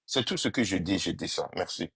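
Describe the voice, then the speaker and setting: A man's voice: deep voice, lively intonation, brisk, a bit bright, husky, dry recording. A man delivering an accusatory rant on a live stream, hammering the listeners with rhetorical questions. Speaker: panel participant in a live stream. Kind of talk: ranting monologue on a live stream.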